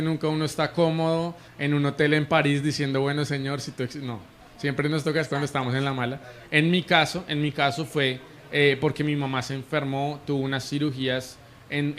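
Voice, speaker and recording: A man from Colombia with a Colombian Spanish accent, a prophet and interview guest, telling his faith testimony in an earnest, emotional way, often restarting his sentences. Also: medium pitch. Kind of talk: conversational testimony.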